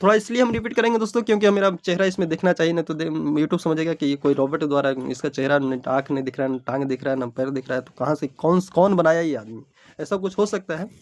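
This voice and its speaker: High-voiced man teaching exam English. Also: fast talker. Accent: Bihari Hindi. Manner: explains in Hindi, reads English options aloud, calls viewers "friends". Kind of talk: exam-prep lesson.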